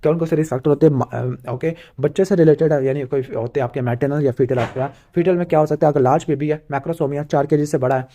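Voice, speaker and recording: Fast-talking male tutor from Pakistan, mellow voice. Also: a little high, fairly even intonation, a little hiss or hum. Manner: asks himself rhetorical questions, ticks off points with "clear"; rattles through memorized lists. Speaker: medical exam tutor. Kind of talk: fast exam revision lecture.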